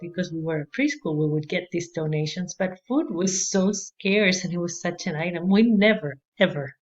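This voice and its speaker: A woman explains classroom practice in a relaxed, chatty way. Her voice sits a little low, and she fills pauses with "you know" and light laughs. The recording is muffled and lo-fi. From Chile. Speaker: early childhood education instructor.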